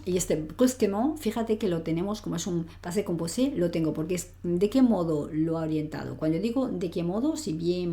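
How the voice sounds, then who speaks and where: A woman's voice: on the low side, dark tone. A woman teaching French grammar in Spanish, explaining patiently, reading French example sentences aloud and often checking in with the listener. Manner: patient, explanatory, frequent "¿vale?" check-ins. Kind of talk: online grammar lesson.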